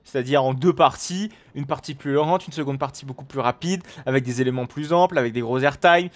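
A man giving live commentary on a game, excitable and rambling, with frequent swearing and exclamations. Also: mid-range voice, brisk. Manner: rambling with many fillers and restarts. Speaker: gaming video host.

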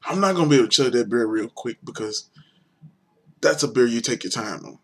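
A man's voice: medium pitch, animated, brisk. Rambling young man reviewing a beer. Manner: rambling, hesitant, lots of fillers. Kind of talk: casual video review.

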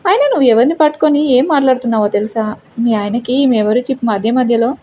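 A teasing, protective young man in an audio storybook, joking fondly and ribbing his friend's husband, as a woman narrator puts him on. The voice sits high and mellow, with a faint hiss of background noise. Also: animated, quick pace, lightly acted. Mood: playful. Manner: playful, joking, affectionate teasing.

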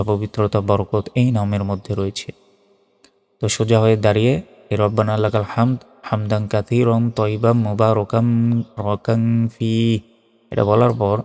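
A man with a low, steady voice gives a patient lesson on how to recite prayers, stretching out each recited phrase slowly. His delivery stays flat and even. A long reverb trails behind his words. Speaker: religious teacher.

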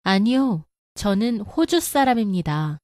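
A woman narrator reading short translated lines in an even, scripted manner. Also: medium pitch, fast talker, dry recording, clean studio sound.

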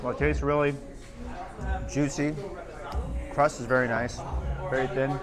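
Speaking at a measured pace in a flat, medium-pitched voice, a man in his thirties vlogs a restaurant review from the dining room, music in the background. The food vlogger keeps saying "wow" and "very nice," recorded on a small mic on his handheld camera.

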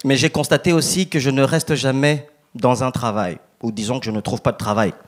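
A man performing a stand-up routine on a comedy club stage, telling his stories in a deadpan way, French not being his first language. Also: medium pitch, fairly quick. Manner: deadpan storytelling with acted quotes.

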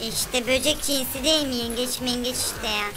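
A woman commentating a game for kids in a playful, whiny, complaining and excitable way. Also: sits high, moderate pace, loud music behind the voice. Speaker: gameplay commentator.

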